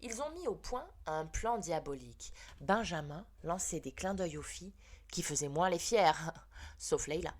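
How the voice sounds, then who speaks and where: A woman reading a children's book aloud in an expressive storytelling manner. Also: on the low side, a little slow. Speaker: reader.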